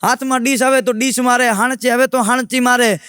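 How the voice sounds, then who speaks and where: Male comic, high bright tone, dry sound. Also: a little fast, smooth, no room sound. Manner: animated dialogue-style storytelling. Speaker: stand-up comedian. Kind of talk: Gujarati joke telling.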